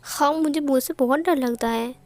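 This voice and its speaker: A woman's voice: high-pitched, normal speed, darkish tone, faint music behind. A woman voicing a brash young man who answers bluntly and mockingly.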